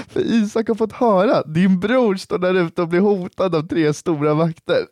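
A man's voice: high-pitched, darkish tone, no echo, clean studio sound. A young man casually telling a long story as a podcast co-host, laughing often and swearing freely.

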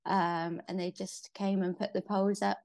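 A woman with a gravelly, creaky edge to her voice, chatting casually as an interview guest. She rambles and thinks aloud, with plenty of fillers and restarts. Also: medium pitch, little pitch movement, normal speed, a little mellow. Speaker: interview guest, pole athlete. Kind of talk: casual conversation.

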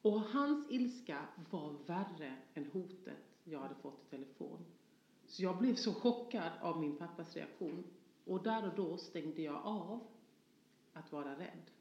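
A woman from Småland, a guest in a personal conversation, telling her story passionately; she moves from soft tones to forceful ones. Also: on the low side, lively intonation. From Sweden, Småland. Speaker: interview guest. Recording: dull, echoey room sound.

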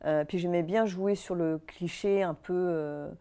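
A woman's voice: lowish voice, fairly even intonation, measured pace, mellow, smooth. A woman in her thirties, an interview guest, talking candidly and reflectively with frequent hesitations. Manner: reflective, hesitant with many fillers.

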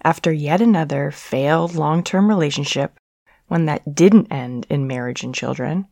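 Female narrator for romance audio fiction: deep voice, deliberate reading with playful emphasis, dry close sound. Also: darkish tone, no room sound. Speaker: podcast host and story narrator. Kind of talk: scripted romance story narration.

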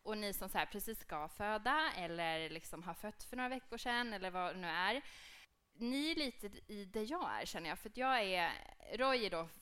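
A woman in her thirties co-hosting a live podcast, telling stories in an animated, lively way. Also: mid-range voice, clean tone. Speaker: podcast co-host.

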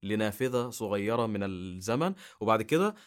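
A man from Egypt with an Egyptian Arabic accent, a guest on a podcast, talking in a halting way with many restarts. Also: fairly low pitch, expressive. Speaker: guest, YouTuber. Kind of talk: casual podcast chat.

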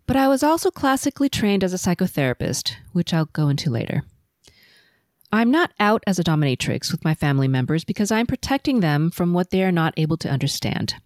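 A middle-aged woman from Los Angeles hosting a solo podcast, telling her life story in a measured, composed, prepared way. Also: lowish voice, darkish tone, no room sound, studio quality. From Los Angeles, USA. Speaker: podcast host. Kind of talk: autobiographical solo podcast narration.

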